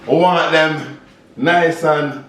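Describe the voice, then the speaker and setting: A man's voice: a little high, very slow, slight background noise. Jamaican man chatting through a cooking demo. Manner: chatty and relaxed, with Jamaican patois phrases. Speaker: home cook and vlog host. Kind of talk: casual cooking demonstration. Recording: echoey kitchen with background music.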